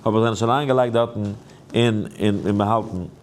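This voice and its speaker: A man, a rabbi, giving an animated Torah lesson in a sing-song way, now and then stretching phrases into a chant. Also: normal speed, a little hiss or hum. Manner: lively, swings high and low. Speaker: rabbi teaching a daily Torah class.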